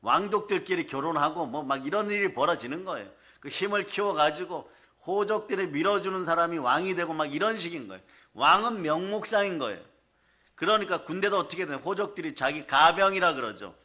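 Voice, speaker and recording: A male pastor preaching a sermon to his congregation in a church, often firing questions at them and telling animated stories. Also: on the high side, a little fast. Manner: keeps asking the congregation questions.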